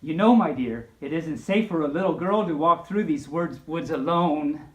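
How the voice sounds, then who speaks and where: A woman voicing a sly male storybook wolf with a soft, coaxing manner. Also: low-pitched, moderate pace, reverberant, voice pushed down, natural voice, rough recording. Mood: patronizing.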